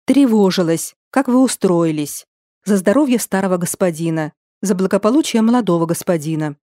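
A wary young village girl, as a woman narrator puts her on, answering in short, dutiful, guarded phrases. Her voice is soft-toned and mellow. The sound is dry and close to the mic. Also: lowish voice, expressive, slow pace, dry recording.

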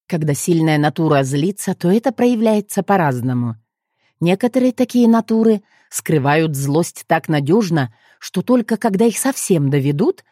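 A woman narrating a humorous fantasy story in an expressive, playful way. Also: on the low side, dry recording, clean studio sound. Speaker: audiobook narrator.

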